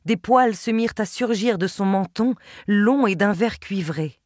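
A woman's voice: medium pitch, dry recording. Woman narrating an audiobook, dry close sound. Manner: measured, expressive first-person telling.

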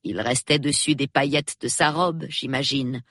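A man reading an audiobook, voicing a shrewd, prim elderly spinster who speaks in a measured, precise, calmly reproving way. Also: medium pitch, no echo, studio quality, voice pushed up, natural voice. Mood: calm, knowing. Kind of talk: audiobook character voice.

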